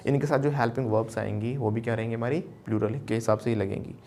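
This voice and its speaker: A man's voice: medium pitch, fairly even intonation, quick pace, a little mellow. A man teaching an English class, keeps asking the class questions and mixes Hindi with English. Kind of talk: classroom lesson.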